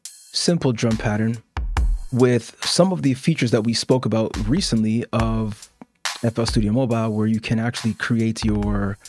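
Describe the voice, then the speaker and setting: A middle-aged man with a lowish, slightly mellow voice hosts a casual music production tutorial, walking through each step informally and often checking in as he demonstrates. Instrumental music, beat loops and drum samples play behind him.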